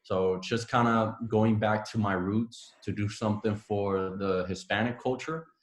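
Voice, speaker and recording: Guy from puerto rico, spanish first language, low voice, rambly laid back chat w lots of ums, bit echoey. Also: a little slow. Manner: relaxed, rambling, many fillers and restarts. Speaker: podcast guest, musician. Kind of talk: casual conversation.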